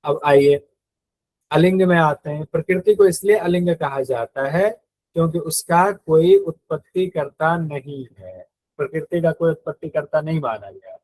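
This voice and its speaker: A man's voice: a little high, measured pace, a little mellow, dry recording, rough recording. A man teaching a live online yoga exam-prep class in speech, explaining step by step, repeating key terms and quizzing his students.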